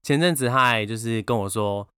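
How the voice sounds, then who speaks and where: Taiwanese-accented guy cohosting a chatty podcast, quick and animated, bright voice, dry sound. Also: medium pitch, clear, resonant tone, no echo. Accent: Taiwanese Mandarin. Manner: animated storytelling with bursts of laughter. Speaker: podcast co-host. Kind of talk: casual chat.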